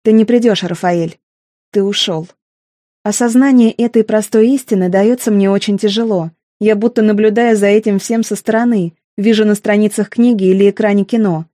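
Woman narrator for a first-person audiobook; intimate, emotional read, mellow tone, dry. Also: mid-range voice, fairly even intonation, moderate pace, no room sound.

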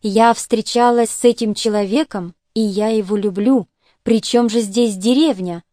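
A cool, reserved young noblewoman, read by a woman in an audiobook. She speaks with restraint and quiet defiance in a mellow, fairly high voice. The sound is close and dry. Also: steady tone, unhurried, dry recording, lightly acted. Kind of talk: audiobook character reading.

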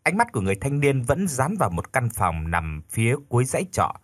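A man narrating a scripted ghost story in a dramatic, expressive way. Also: medium pitch, brisk, no echo.

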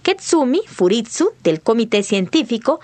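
A woman from Rica, reading a scripted news report in a steady, measured way. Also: fairly high pitch, no room sound. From Costa Rica. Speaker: field reporter.

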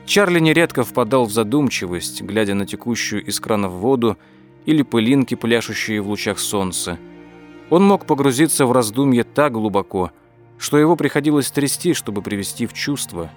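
A man reading an audiobook as its narrator, telling the story in a measured, even way. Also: medium pitch, faint music behind. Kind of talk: scripted narration.

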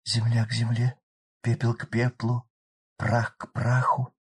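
A man voicing the quiet, near-whispered soul of a dead young woman in a storybook. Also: mid-range voice, completely flat delivery, unhurried, husky, pitched above the performer's own voice. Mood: hushed sorrow. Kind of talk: audiobook character voice.

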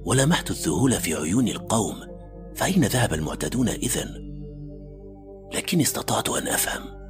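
A man's voice: on the low side, sing-song, fairly quick. A man playing an anxious, analytical male doctor who narrates a radio horror story in a suspenseful, formal literary manner. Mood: bewildered. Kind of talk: dramatic first-person radio story narration. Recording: faint music under the voice. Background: faint background music.

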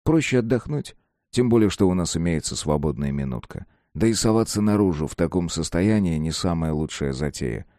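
A man's voice: sits low, lively intonation, a little fast, hardly any pauses, mellow, no echo, studio quality. A man narrating a first-person audiobook in a casual, slangy, sometimes crude manner.

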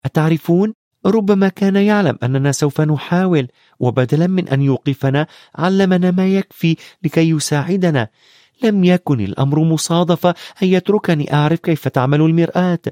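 A man's voice: fairly high pitch, fairly quick, mellow, no room sound, studio quality, pitched above the performer's own voice, close to an everyday voice. A man voicing a thoughtful, brave young schoolboy in an audiobook, talking in an earnest, reasoning way. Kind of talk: audiobook character voice.

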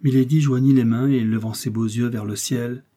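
A man narrating a classic novel in a measured, expressive reading. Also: medium pitch. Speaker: audiobook narrator.

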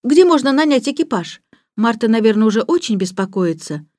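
A woman's voice: on the high side, sing-song, brisk, a little mellow, no echo, studio quality, voice pushed up. A woman voicing a sensible older girl who sounds worried and practical.

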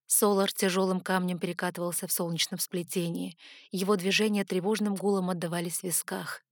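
A woman reading a fantasy novel aloud in steady, measured first-person narration. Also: medium pitch, dry recording, studio quality. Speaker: audiobook narrator.

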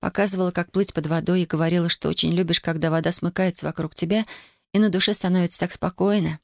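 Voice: medium pitch, fairly even intonation, fast, creaky, dry recording, lightly acted. A reader voicing a stubborn young woman grieving in wartime, in a dry studio audiobook recording. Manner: cold, insistent, pleading. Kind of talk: audiobook character voice.

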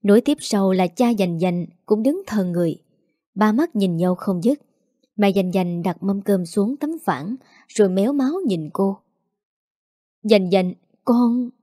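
Mellow woman narrating a story. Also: medium pitch, lively intonation, a little slow, dry recording, clean studio sound.

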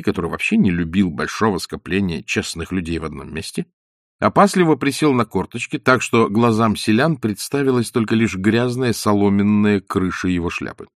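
A man giving an expressive, theatrical audiobook narration of a novel. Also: on the low side, a little fast, no echo, clean studio sound. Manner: animated, theatrical reading. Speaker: audiobook reader.

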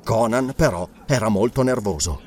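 A man narrating an adventure audiobook in a dramatic, expressive reading style. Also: on the low side, moderate pace, slight background noise.

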